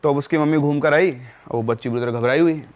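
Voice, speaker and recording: In a casual, conversational podcast style, a man with a slightly high voice tells a spooky horror story at a fast clip. He throws in dramatic asides aimed at the listener.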